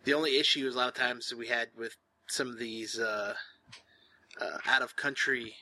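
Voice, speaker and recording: A man's voice: medium pitch, steady tone, normal speed, pushed and bright. A man co-hosting a casual podcast, rambling in long sentences with many fillers and self-corrections. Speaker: podcast co-host. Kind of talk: casual chat.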